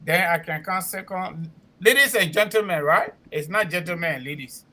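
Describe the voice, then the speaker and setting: Male co-host, West African accent, forceful high voice, emphatic promotional delivery with repetition. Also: moderate pace. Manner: emphatic, repeats himself for clarity. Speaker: co-host and immigration consultant. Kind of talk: spoken promotional announcement on a talk show.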